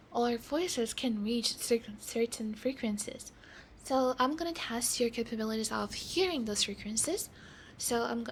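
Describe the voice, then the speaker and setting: A woman in a whispered role-play as a reassuring doctor, talking softly and slowly and often dropping into a whisper. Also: a little high, slight background noise, low-quality recording. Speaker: ASMR creator.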